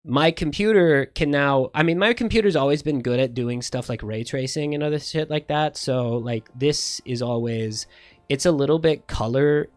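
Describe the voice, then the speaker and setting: A man with a slightly high voice and a faint lisp chats casually with his livestream viewers. The recording has no echo, and his talk rambles, swears a lot, and keeps correcting itself.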